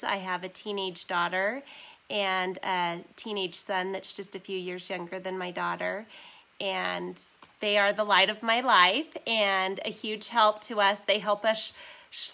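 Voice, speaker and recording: A woman in her forties who owns a vintage shop hosts her first live stream from home on her phone, chatting casually and reading comments. Her medium-pitched voice is bright and forceful but stuffy and nasal from a sinus cold, and she apologizes for her sniffly voice and her ums.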